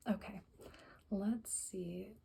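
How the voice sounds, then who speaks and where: A woman whispering softly in an ASMR style, reading aloud and rambling with self-correcting asides. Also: mid-range voice, steady tone, drawn-out words, creaky. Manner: whispering and very soft-spoken. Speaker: ASMR creator. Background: faint music playing for plants, background hiss.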